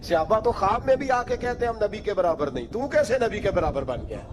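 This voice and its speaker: ऊँची आवाज़ वाला उपदेशक पुरुष. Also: male voice, big pitch swings, fairly quick, a crowd in the background, rough recording. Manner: acts out quoted voices with big pitch swings. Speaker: preacher. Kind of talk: sermon storytelling.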